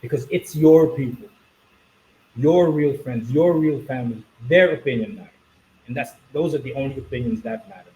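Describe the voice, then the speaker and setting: A man's voice: mid-range voice, normal speed, a little mellow, slight background noise, poor audio. A man who fronts a metal band, talking bluntly and cursing freely as a podcast guest. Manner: blunt, profane, storytelling. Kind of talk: casual podcast chat.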